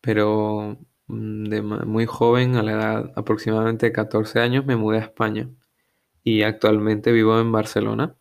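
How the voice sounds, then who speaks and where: A young man hosting his own podcast speaks in a low, gravelly voice that stays level and even. He takes his time, pausing and restarting often as he searches for the right word. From Venezuela. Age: young adult. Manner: slow, hesitant, searching for words with frequent restarts. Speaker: podcast host. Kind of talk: solo reflective monologue.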